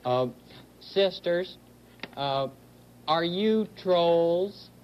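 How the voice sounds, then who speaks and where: Gentle, friendly owl puppet. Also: male voice, high-pitched, extremely slow, muffled recording, a little hiss or hum. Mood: helpful. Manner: gentle, encouraging. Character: friendly, folksy young male owl puppet. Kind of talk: children's puppet show acting.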